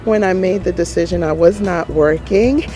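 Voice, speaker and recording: A woman from the United States giving an earnest, deliberate testimony in an interview outdoors. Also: fairly low pitch, dark tone. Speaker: church visitor giving testimony.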